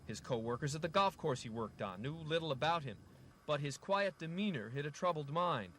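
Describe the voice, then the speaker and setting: Higher-pitched American newsman over background noise. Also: lively intonation, fairly bright tone. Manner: measured, formal broadcast delivery. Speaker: television news reporter. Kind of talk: scripted news narration. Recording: noisy 1980s TV news tape, street noise.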